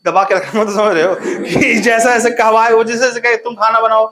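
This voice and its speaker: Young man, biology teacher, very high voice, quizzing students, playful and laughing. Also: steady tone, a little fast, a bit bright. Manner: call-and-response questioning, playful teasing; laughs often. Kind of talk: online classroom lecture.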